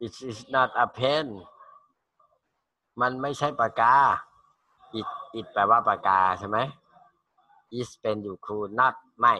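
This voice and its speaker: A man's voice: fairly low pitch, steady tone, unhurried, pushed and bright, no echo. A man teaching English to school students in an online class, reading short English phrases and then translating and repeating them in Thai.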